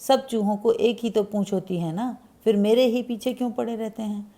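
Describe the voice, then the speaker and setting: A woman voicing a small, teased young male mouse in a storybook tale, whiny and complaining, with a gravelly, mellow tone. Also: fairly high pitch, steady tone, moderate pace, close to an everyday voice.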